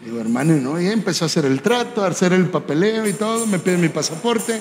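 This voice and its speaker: A man preaching a sermon, telling a personal story in a conversational way and often tagging his lines with a quick question. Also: sits high, animated, soft background music. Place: church hall. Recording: reverberant church hall, faint background noise.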